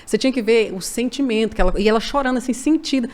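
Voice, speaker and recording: Brazilian woman guest on a podcast, talks super fast, chatty, tells stories like she's gossiping with a friend. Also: a little high. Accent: Brazilian Portuguese. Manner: chatty, lively storyteller, keeps addressing her friend. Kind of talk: casual storytelling chat.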